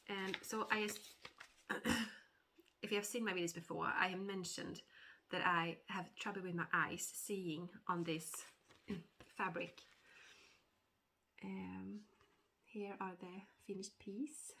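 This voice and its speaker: Slow, hesitant woman with a cold. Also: lowish voice, bright, forceful tone, slight background noise. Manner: hesitant, many fillers and throat-clearing. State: has a cold, slightly nasal. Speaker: cross-stitch vlogger. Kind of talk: casual monthly update vlog.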